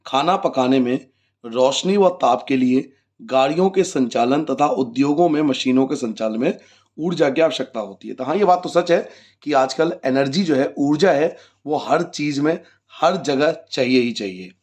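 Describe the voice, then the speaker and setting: A man's voice: mid-range voice, expressive, moderate pace, a little mellow. A man teaching a class 10 geography lesson, asking his own questions and answering them, repeating the key points for his students. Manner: addresses students as children.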